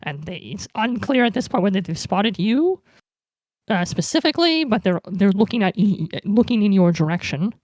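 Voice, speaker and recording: A game master runs a tabletop role-playing game, explaining things conversationally. The pitch sits in the middle, and the sound is dry and close. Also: sing-song, moderate pace, no room sound.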